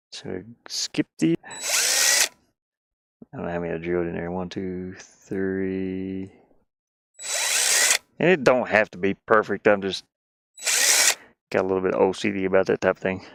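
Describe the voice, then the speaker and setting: During a casual live stream of his DIY build, this man works with his hands and thinks through each step aloud, muttering and rambling for viewers. He has a lowish, creaky voice, recorded with no room sound.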